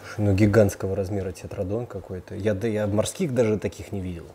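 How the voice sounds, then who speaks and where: Quick-paced and mellow, a man with a lowish voice and steady tone hosts an indoor tour of large aquariums for his video series. The chat is casual, slangy and enthusiastic, and background noise is noticeable throughout.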